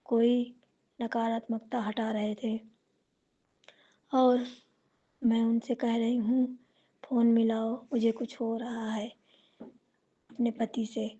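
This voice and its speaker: Slow, flat-toned devotional woman speaker. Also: fairly high pitch, highs cut off. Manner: slow and reverent, with chanted mantras. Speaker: devotee sharing a testimony. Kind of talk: devotional testimony talk.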